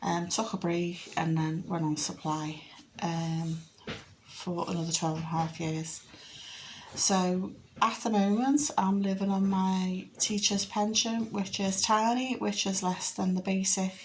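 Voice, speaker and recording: Touring her house on camera, a fiftysomething Liverpudlian renovation vlogger chats in a relaxed, matter-of-fact, wandering way. Her medium-pitched voice is steady, unhurried and somewhat dark. The low-quality recording has a little hiss or hum.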